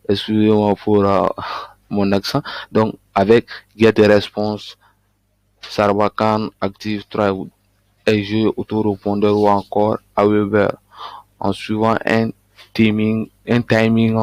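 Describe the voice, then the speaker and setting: A man's voice: on the low side, a little mellow, dry recording. A man coaching on online business, talking through a screen-share tutorial with frequent hesitations and restarts. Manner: hesitant, many fillers and restarts.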